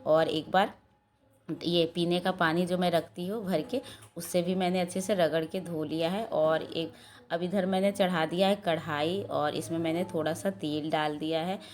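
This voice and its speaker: A woman in her thirties with a hoarse voice from a sore throat, narrating a casual cooking and daily-life vlog from her home kitchen in a chatty, rambling way. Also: on the low side, steady tone, moderate pace, a little mellow. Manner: chatty, rambling, frequent filler "ना". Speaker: vlogger and mother.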